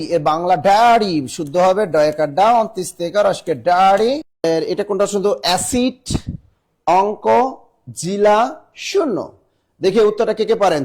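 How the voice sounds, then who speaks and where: A man with a Bangladeshi Bengali accent teaching a live online spelling class, spelling words out letter by letter and urging students to answer fast. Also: high voice, darkish tone.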